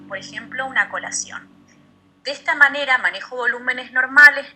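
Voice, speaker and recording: A woman's voice: on the high side, pushed and bright, poor audio. A woman teaching a nutrition class online, explaining in a methodical way and repeating key terms.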